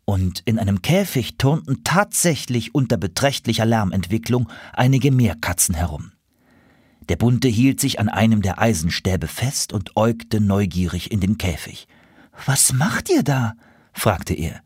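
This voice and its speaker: A man reading a children's story aloud, calm and expressive. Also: fairly low pitch, normal speed, breathy edge, dry recording, studio quality.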